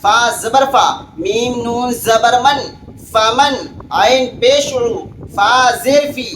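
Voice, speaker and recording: A man's voice: very high voice, fairly bright tone. Man teaching Quran spelling, echoey room. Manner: slow drawn-out recitation between quick explanations. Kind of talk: spelling out Quranic words for learners. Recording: echoey room with faint background hiss.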